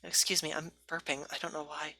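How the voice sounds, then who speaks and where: A woman's voice: low voice, little pitch movement, a little fast, bright, forceful tone, breathy edge. A woman giving a casual, rambling movie review, often stopping to correct herself and apologize.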